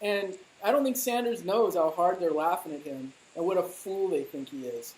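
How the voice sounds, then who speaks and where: A woman's voice: fairly low pitch, moderate pace, a little mellow, slight background noise, rough recording. A woman talking politics in casual chat, heated and mocking, with a lot of swearing. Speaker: political commentator.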